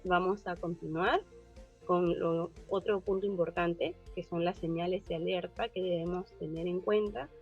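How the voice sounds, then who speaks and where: A woman giving a group class presentation, explaining steadily and often checking in with a quick question. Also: on the low side, steady tone. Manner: explanatory, frequent tag questions. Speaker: student presenter. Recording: dull, muffled recording with faint music.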